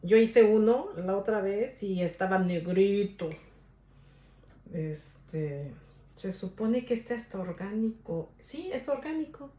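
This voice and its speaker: A woman's voice: mid-range voice, lively intonation, slow, dark tone, roomy sound. A woman from Guadalajara with a Mexican Spanish accent, demonstrating a recipe at home and chatting casually with her viewers. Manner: chatty, stubborn, keeps asking "¿ok?". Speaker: cooking video host. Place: home kitchen.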